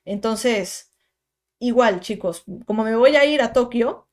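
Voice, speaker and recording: A young woman, her voice sitting a little high. She talks straight to her viewers in a casual storytime monologue. She is emphatic and chatty, and keeps adding asides and little tag questions. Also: slow pace. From Peru. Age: 20s. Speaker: content creator.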